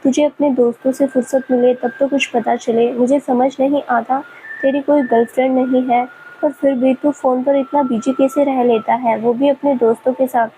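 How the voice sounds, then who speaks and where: Brief: woman narrator voicing a doting mother who nags lovingly, high mellow tone. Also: level tone, moderate pace, slight background noise, natural voice, rough recording. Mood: teasing. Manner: scolding yet loving, motherly. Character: affectionate scolding mother, middle-aged woman.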